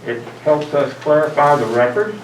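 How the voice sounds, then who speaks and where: A man's voice: on the high side, expressive. Masked man chairing, distant and echoey. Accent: American. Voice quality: slightly muffled by a face mask. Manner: deliberate, speaking up to be heard. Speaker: planning commission chairman. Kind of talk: formal meeting opening remarks. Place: indoor public meeting room. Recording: distant mic, echoey room, clear noise.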